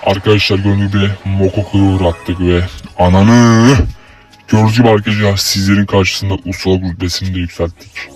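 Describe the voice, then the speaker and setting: A young man with a Turkish accent giving crude, swearing gameplay commentary, breaking into loud yells at opponents. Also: low voice, fairly even intonation, a little fast. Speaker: gaming YouTuber. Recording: faint game music behind.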